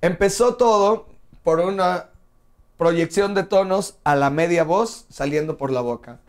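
A man's voice: high voice, unhurried. A man teaching a singing lesson, explaining step by step and asking rhetorical questions along the way. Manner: breaks into sung scales and long "ah" tones. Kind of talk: vocal lesson.

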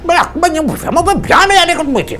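A man's voice: extremely high pitch, very animated, fast talker, sharp tone, heavily acted. An actor playing a bumbling, grumbling old man with a Mauritian accent as a quiz contestant in a comedy sketch. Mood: confused, grumbling. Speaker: game show contestant. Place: TV studio set.

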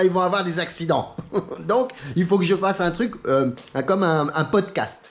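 A middle-aged man from France chatting casually as a sim racing YouTuber, telling stories, acting out what others said and laughing often. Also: a little high. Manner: chatty, animated storytelling, acts out quotes, laughs often. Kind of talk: casual talking-head chat.

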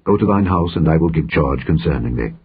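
A man reading a grave old king, deep and husky. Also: expressive, a little fast, heavily acted. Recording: dull lo-fi audio recording.

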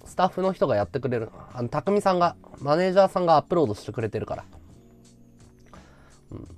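A man's voice: on the high side, lively intonation, quick pace, darkish tone, soft background music. A man hosting a casual livestream chat, talking freely and thanking viewers for gifts. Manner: chatty, reacts to viewer gifts. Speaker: livestream host.

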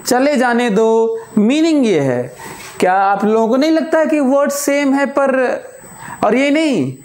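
A man teaching a physics lecture, explaining by repeating examples aloud with long pauses and slowly dictating notes. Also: very high voice, expressive, a little mellow, reverberant. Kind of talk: classroom lecture.

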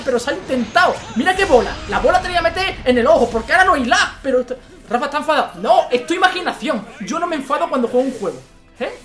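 Excitable young-sounding male gamer from Spain, high bright voice, rapid-fire commentary with faint game music behind. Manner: excitable, frequent swearing and exclamations. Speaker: gaming channel host. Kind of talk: let's play commentary.

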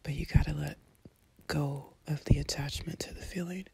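A woman in a whispered role-play as an empathic girlfriend, comforting the listener in a soothing, tender, breathy whisper with long pauses. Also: deep voice, steady tone, warm tone. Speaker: intimate audio performer playing a comforting girlfriend.

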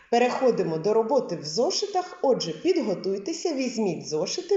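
Slow, patient woman teaching preschoolers. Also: mid-range voice, warm tone, breathy edge, lo-fi sound. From Ukraine. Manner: slow, patient, drawing out sounds and words. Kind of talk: literacy lesson for preschoolers.

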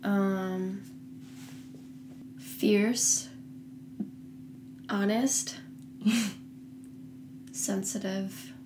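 A young woman chatting as a guest, answering in a slow, deliberate, dry way. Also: mid-range voice, steady tone, background noise. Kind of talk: casual chat.

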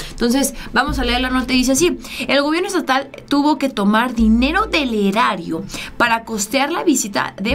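A woman's voice: fairly high pitch, fairly bright tone. A young woman in her twenties from Mexico, hosting political commentary in a small studio, indignant and talking with her hands. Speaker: host. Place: small studio with blue backdrop.

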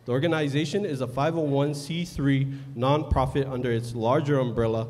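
A man's voice: medium pitch, steady tone, a little fast, darkish tone. A man from American Samoa, master of ceremonies at a formal event, announcing into a handheld microphone. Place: large indoor hall with a seated audience. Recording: long hall reverb.

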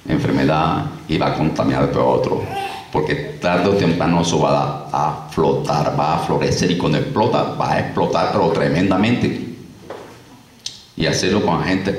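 Deep-voiced man preaching in an echoey hall. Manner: lively, repetitive preaching with sound effects. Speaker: pastor. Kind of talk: sermon. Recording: echoey room, distant mic, faint noise.

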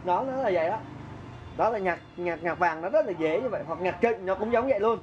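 A man's voice: high voice, animated, brisk, highs cut off, a little hiss or hum. A man giving a casual keyboard lesson, chatty, counting beats aloud and humming melodies as he plays. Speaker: music teacher. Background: keyboard playing.

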